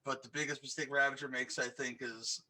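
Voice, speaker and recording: Male podcast co-host, mid-pitched, bright and forceful tone, rambling enthusiasm, loose casual chat. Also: flat delivery, brisk. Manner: rambling and enthusiastic, many restarts. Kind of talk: casual podcast chat about horror films.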